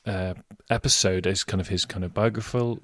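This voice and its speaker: A man's voice: low-pitched, steady tone, a little fast, a bit bright. A man hosting a podcast, interviewing in an upbeat, conversational style. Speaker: podcast host.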